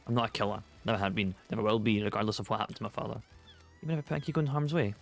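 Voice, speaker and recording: A man's voice: fairly low pitch, very fast, creaky, faint music behind. A man voicing a stern male doctor and former battlefield medic, speaking firmly in a Scottish accent, read from game dialogue. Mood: defensive. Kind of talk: reading game dialogue aloud.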